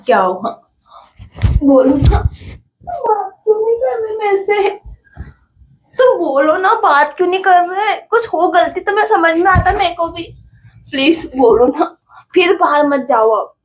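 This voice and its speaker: A woman's voice: high-pitched, rough recording. A young woman in a casual home vlog, pleading over and over and crying as she speaks. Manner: pleading, repeating herself. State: tearful, crying. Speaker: vlogger, wife being pranked.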